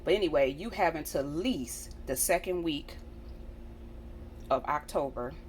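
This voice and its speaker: A woman's voice: deep voice, expressive, a little slow, a little hiss or hum. An American woman vlogger talking casually and earnestly straight to her viewers, repeating phrases for emphasis. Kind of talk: casual direct-to-viewer chat.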